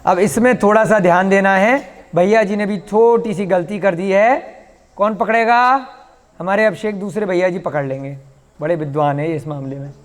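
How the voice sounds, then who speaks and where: High-voiced teacher in a reverberant room. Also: male voice, normal speed. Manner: patient, explains with questions and playful asides. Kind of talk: online language class.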